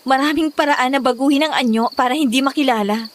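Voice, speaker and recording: Here is a woman voicing a skeptical young doctor in a horror audio drama. Her voice sits high, and her manner is rational and persuasive. Faint crickets hum behind her. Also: fast, close to an everyday voice.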